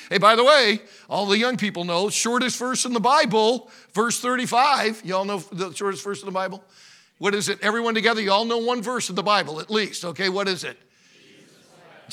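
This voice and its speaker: A man preaching a sermon, chatty and animated, calling on the congregation to answer. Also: high-pitched. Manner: animated, conversational preaching with call-and-response. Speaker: pastor.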